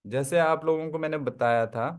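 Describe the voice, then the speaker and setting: A man's voice: on the high side, moderate pace, clean tone. A man teaching a Tibetan script class online, explaining step by step and often checking that his listeners follow. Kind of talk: online language lesson.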